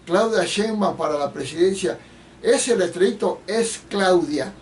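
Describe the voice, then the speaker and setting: A man's voice: high-pitched, measured pace. A man giving an indignant, accusatory political monologue, often breaking off and restarting his sentences. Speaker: political commentator. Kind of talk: solo political rant. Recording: distant mic with faint background noise.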